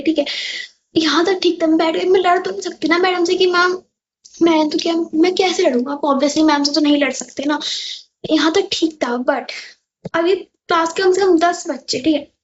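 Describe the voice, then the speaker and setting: A woman's voice: very high-pitched, dull audio, a little hiss or hum. A teenage girl from India tells a storytime vlog in a chatty way, often checking in with her viewers. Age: teens. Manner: chatty, keeps asking "ठीक है?". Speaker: vlogger. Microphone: clip-on mic.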